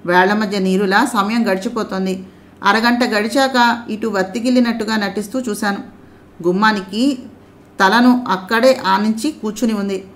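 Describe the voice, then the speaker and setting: A woman narrating an audio story in a calm, measured reading voice. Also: medium pitch.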